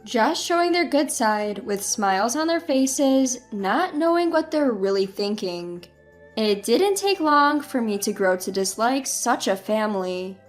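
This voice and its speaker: A woman in her twenties reads a scripted first-person story in a measured, even delivery. Her voice sits fairly high. Soft music runs quietly beneath her. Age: 20s. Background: faint music.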